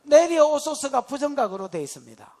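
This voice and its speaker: A male pastor delivers an expository sermon with dramatic swings in volume, shouting one moment and dropping to a whisper the next. His voice sits notably high. The sanctuary adds a long, trailing reverb. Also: very animated, brisk. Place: church sanctuary. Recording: reverberant church hall.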